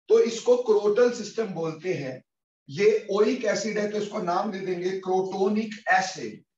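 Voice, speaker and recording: A man teaching a chemistry class online in Hindi-English, calling his students "beta" and slowly dictating formulas. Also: high voice, darkish tone. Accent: Hindi-English mix. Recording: muffled, echoey, far from mic.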